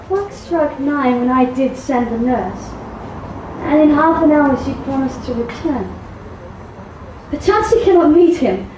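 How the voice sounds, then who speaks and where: A woman's voice: sits high, expressive, a little slow, a little mellow. A woman playing an impatient, lovesick young girl in a stage play, eager and pleading. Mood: restless. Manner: eager, pleading, repeated urging. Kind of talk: stage acting. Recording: roomy hall, faint noise, from far.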